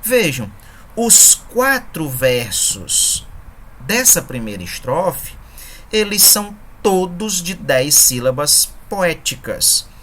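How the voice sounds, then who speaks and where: Low-pitched female teacher, patient and methodical, faint noise in the background. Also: sing-song, a bit bright. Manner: patient, methodical, counts syllables aloud slowly. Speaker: poetry teacher. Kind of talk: online lesson explaining scansion.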